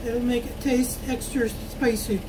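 High-voiced woman chatting while cooking. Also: fairly even intonation, unhurried. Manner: chatty, homey, talks to viewers while cooking. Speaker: home cook vlogger. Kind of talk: casual cook-along narration. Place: home kitchen, indoors. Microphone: phone camera held while cooking. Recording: noisy home kitchen recording.

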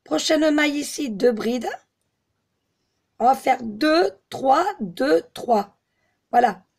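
A slightly hoarse woman giving a step-by-step crochet tutorial, patiently counting stitches aloud. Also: high-pitched, slow, darkish tone. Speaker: crochet teacher.

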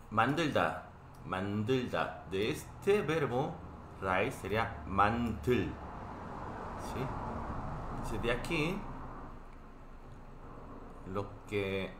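A man's voice: on the low side, fairly bright tone, echoey room, a little hiss or hum. A man with a Korean accent teaching a live online Korean class, explaining patiently and checking in often with his students.

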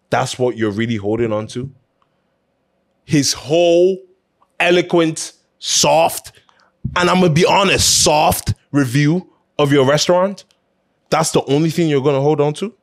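Talking in a medium pitch, the host of an opinion show keeps things conversational and casual yet emphatic. To hammer his points home, he repeats phrases.

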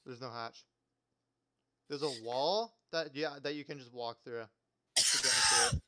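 A man's voice: mid-range voice, unhurried, sharp tone. A man in a casual gaming chat, playful and teasing, who laughs often. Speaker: gamer. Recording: noisy mic with clicking.

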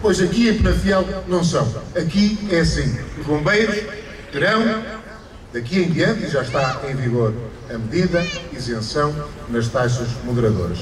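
Under an awning at an outdoor ceremony, a middle-aged man with a European Portuguese accent delivers a formal mayoral speech in an animated, fairly high voice at normal speed. He speaks emphatically, repeating phrases and stressing words with a rising push. A stand microphone feeds a PA that echoes outdoors, and a distant camera also picks up the crowd.

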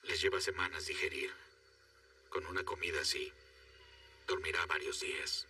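A seasoned jungle guide who keeps the group calm. His voice sits fairly low, sounds very bright and moves in a lively way. It seems set back from the mic. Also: moderate pace, recorded from a distance, a little hiss or hum. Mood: explaining. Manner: steady, authoritative, explaining. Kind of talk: dubbed film dialogue.

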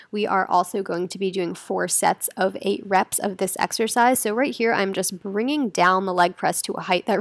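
A young woman in her twenties, a fitness vlogger, narrates a gym workout in a friendly, encouraging voice-over. Her voice is mid-range with no room sound, and she coaches step by step.

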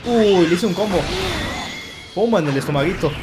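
A man giving excitable let's play commentary, taunting the enemy and cheering his character on. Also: sits high, normal speed. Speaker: gaming commentator. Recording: loud game music and effects behind.

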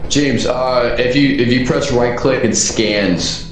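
A man's voice: medium pitch, slow, heavy reverb, over music, low-quality recording. A young man talking bluntly and swearing while playing a video game with friends, giving directions. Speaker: game player. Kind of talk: casual gaming chat with friends.

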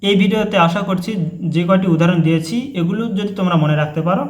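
A young man teaching a grammar lesson online, calling out each example word and then its meaning in a steady teaching rhythm. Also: high-pitched, fast. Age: young adult. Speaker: grammar tutor. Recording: echoey room.

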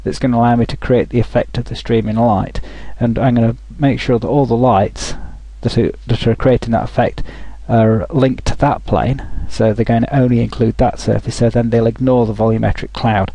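A man talking through a software tutorial over a screen recording, thinking aloud with frequent restarts. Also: mid-range voice, fairly even intonation, normal speed, creaky, hardly any pauses, no room sound, rough recording.

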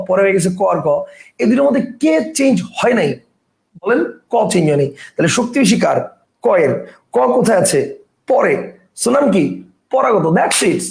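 A man teaching a grammar lesson, explaining step by step and often asking whether the point is clear. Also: high-pitched, a little mellow, echoey room.

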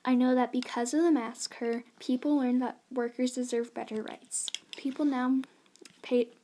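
A woman's voice: high voice, little pitch movement, moderate pace, warm tone, low-quality recording. A woman voicing a young male immigrant miner, in an earnest first-person school history narration read plainly aloud.

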